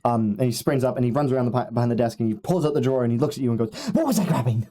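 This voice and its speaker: A man's voice: mid-range voice, steady tone, rapid-fire, mellow. A man narrating as game master of a tabletop game, rambling with many fillers and laughing at his own jokes.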